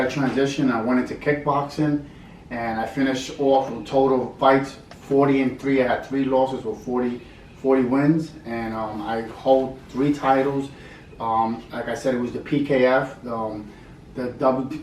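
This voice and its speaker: A man's voice: mid-range voice, far from the mic. A middle-aged man, a fight trainer and former fighter, giving casual answers in an interview. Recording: echoey room, off-mic, faint background noise.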